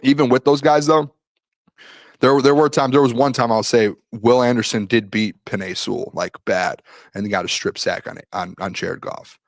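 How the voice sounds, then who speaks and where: At a normal speed and medium pitch, with fairly even intonation, a young man rambles through a practice recap on his solo sports stream. He keeps restarting, reads chat questions aloud, and clears his throat because he's losing his voice. There's no room sound.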